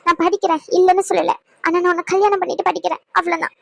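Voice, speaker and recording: A woman's voice: extremely high pitch, flat delivery, very fast, gravelly, no room sound, poor audio. A woman playing a stubborn young bride-to-be. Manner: pleading, stubborn. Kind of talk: dubbed serial drama.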